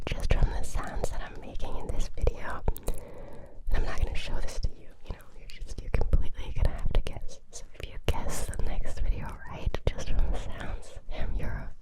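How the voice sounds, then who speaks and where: An ASMR creator whispering a casual chat close to the ear, fully unvoiced and breathy. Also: moderate pace, low-quality recording. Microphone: close ear-to-ear ASMR microphone.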